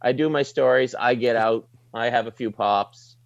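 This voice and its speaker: A man's voice: medium pitch, moderate pace, creaky, no room sound, muffled recording. A middle-aged man with a light Maritime Canadian accent, chatting casually and informally in an interview as a sports broadcaster, plain-spoken and slangy. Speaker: sports broadcaster, desk anchor.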